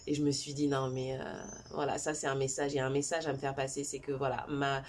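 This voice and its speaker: Woman in her forties, low voice, chatty storytelling vlog, lots of fillers, faint room hum. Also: level tone, quick pace, darkish tone. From Cameroon, raised in China. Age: 40s. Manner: chatty, with many fillers and restarts. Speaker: entrepreneur and vlogger. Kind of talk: personal storytelling to camera.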